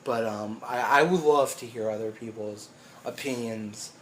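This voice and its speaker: A man's voice: fairly low pitch, a little slow, fairly bright tone. A young man hosts a loose chat about video games, wandering off on tangents and swearing casually. He laughs often as he talks. A faint hiss of background noise sits under his voice. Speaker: co-host.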